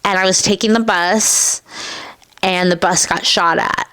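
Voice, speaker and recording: Speaking unhurriedly in a smooth, lowish voice, a Southern Californian woman in middle age shares candid personal stories as a guest on a podcast interview. She runs her own business as an esthetician, has a Californian accent, and animatedly acts out quotes from memory. The audio quality is poor.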